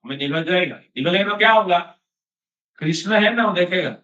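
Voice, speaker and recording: A man's voice: sits high, animated, normal speed, pushed and bright, voice pushed up. A man voicing young Krishna, cheerful and unafraid of danger. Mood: carefree. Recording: echoey, distant, dull sound.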